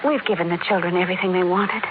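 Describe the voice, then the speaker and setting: A woman's voice: on the low side, fairly even intonation, racing, phone-quality sound, noisy background, lightly acted. Anxious radio-drama housewife played by a woman, thin recording. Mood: worried. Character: anxious, discontented middle-class wife and mother. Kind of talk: old-time radio drama acting.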